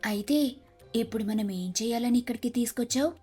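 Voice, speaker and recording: This is an anxious female bird friend from a cartoon story, played by a woman. Her voice is soft, slightly high and questioning. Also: brisk, slightly rough, faint music behind. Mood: worried.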